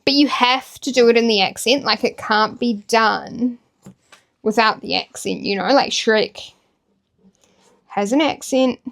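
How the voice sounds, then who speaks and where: Slow, gravelly-voiced New Zealand woman. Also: fairly high pitch, fairly bright tone. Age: young adult. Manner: chatty, self-mocking, laughs easily. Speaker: craft vlogger. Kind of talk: casual talk while sewing.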